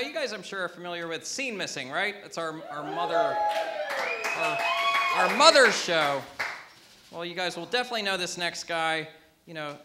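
A man's voice: on the high side, background noise. A man hosting a show, introducing a guest in a chatty, self-mocking way and stumbling over his words.

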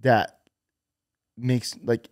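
A young man hosting a podcast in a studio, relaxed and conversational, asking questions and retelling exchanges. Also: medium pitch, drawn-out words, no room sound. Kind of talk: casual conversation. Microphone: studio boom mic with headphones.

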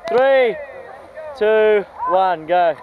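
A man's voice: high voice, lively intonation, very slow. A man filming at a mud run, talking in an upbeat, chatty way, heard through muffled home camcorder audio. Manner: upbeat, chatty, counts down and cheers people on. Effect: dull, muffled home camcorder audio. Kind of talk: excited home-video commentary. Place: outdoors at a mud run event. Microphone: built-in camcorder mic. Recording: muffled camcorder sound, noisy outdoors.

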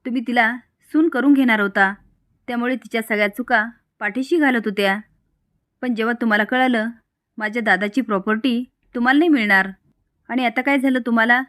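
A woman's voice: on the high side, brisk, a bit bright, no room sound, clean studio sound, close to an everyday voice. A woman voicing an outspoken married woman who argues back. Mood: indignant. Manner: indignant, argumentative.

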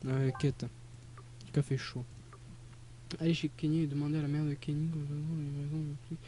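A man giving casual, halting video game commentary, thinking aloud as he plays. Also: on the high side, little pitch movement, mellow, a little hiss or hum. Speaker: gamer, let's play host. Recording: game music behind voice. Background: video game music.

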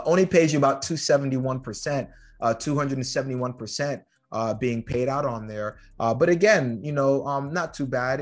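A man in his thirties with a mid-pitched voice talks loosely through a screen recording, full of "uh" and "um", often turning to the viewers as "guys". It sounds like a home setup with a desk microphone, casual and unscripted. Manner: relaxed, filler-heavy, addresses viewers as guys. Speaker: crypto channel host. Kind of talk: casual screen-share walkthrough. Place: home room.

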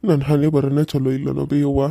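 A man's voice: on the high side, fairly even intonation, brisk, mellow, dry recording, clean studio sound. A man voicing a heartbroken young village husband in a cartoon serial, speaking North Karnataka Kannada in an anguished, emotional way. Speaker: voice actor.

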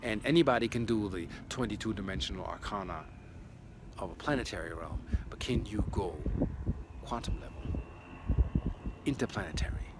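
Soft-spoken low-voiced man telling a story. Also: moderate pace, pauses often, noisy background. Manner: soft-spoken, drifting into hushed asides. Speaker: spiritual channel host. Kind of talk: casual storytelling monologue.

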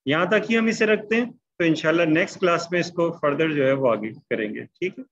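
A man's voice: fairly high pitch, muffled recording, a little hiss or hum. A man teaching statistics in an online class, dictating sentences word by word as he writes them out. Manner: slow, dictating word by word while writing.

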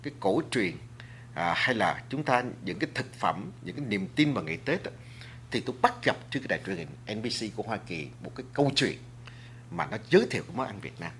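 Animated male guest lecturing earnestly. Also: on the low side, fast talker, a little hiss or hum. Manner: earnest, lecturing, addresses the audience; many restarts and filler words. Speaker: guest speaker on food and culture. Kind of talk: studio talk show discussion.

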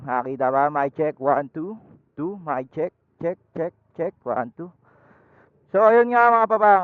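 His voice sits on the higher side, clean-toned and dry. A motovlogger riding a motorcycle outdoors, he talks casually through a helmet intercom headset in a loose, rambling how-to vlog packed with fillers, and the intercom audio is dull and lo-fi.

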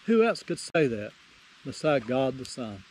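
A man's voice: mid-range voice, very animated, unhurried, a little mellow, a little hiss or hum, low-quality recording. A man teaching through the Bible verse by verse, folksy, repeating phrases for emphasis and reading scripture aloud.

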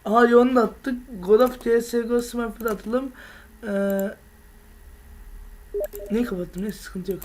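A woman's voice: on the high side, fairly even intonation, measured pace, long pauses, slight background noise. A woman hosting a gaming video, chatting casually with slang and frequent laughter as she teases others. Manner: laughing often, slangy and teasing.

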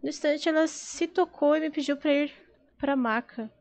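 High-voiced chatty woman streamer. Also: moderate pace, no echo. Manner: chatty, expressive, laughs often. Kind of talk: casual gameplay chat, reading out chat.

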